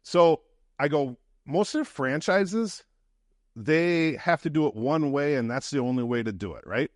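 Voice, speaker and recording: A man's voice: fairly high pitch, animated, measured pace, no room sound, clean studio sound. A man from the Midwest, a real estate investor, chatting casually as a podcast guest in a folksy, storytelling way. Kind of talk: casual interview chat.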